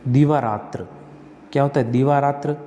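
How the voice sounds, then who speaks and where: A man teaching an exam-prep spelling lesson, asking and answering his own questions and repeating words slowly. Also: medium pitch, steady tone, mellow, big-room sound.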